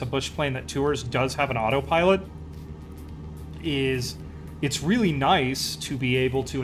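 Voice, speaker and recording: A man chatting casually as a live streamer during a flight game, rambling along in an easygoing, enthusiastic way. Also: medium pitch. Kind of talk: casual chat while playing a flight simulator.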